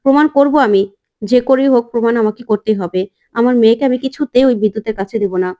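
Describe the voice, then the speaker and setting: Determined young mom begging and insisting, narrator voicing her, bit high. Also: fast, dark tone, dull audio, lightly acted. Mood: insistent. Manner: pleading, insistent. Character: determined young mother fighting for her daughter.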